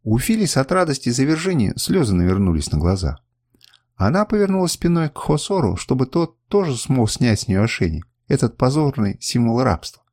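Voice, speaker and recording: A male audiobook narrator reading a novel with dramatic, expressive delivery. His pitch moves a great deal. The recording is dry, with no room sound. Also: fairly quick, no echo. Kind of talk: scripted narration.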